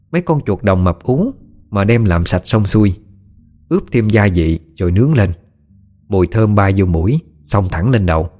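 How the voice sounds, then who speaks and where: A man's voice: fairly low pitch, a little mellow. A man narrating a ghost story in a folksy storytelling manner.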